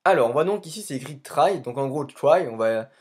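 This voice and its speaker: A man's voice: on the high side, expressive, fairly quick. A young man from France giving casual, improvised gaming commentary as a YouTuber, rambling and repeating the same filler phrase. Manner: casual, rambling, keeps saying "tout simplement". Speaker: YouTuber investigating game clans.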